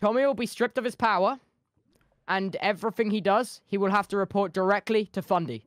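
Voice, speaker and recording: A man's voice: sits high, brisk, no echo, clean studio sound. A young man refereeing an argument in gaming role-play, officiously calling for order. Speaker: player acting as presiding leader in a mock trial.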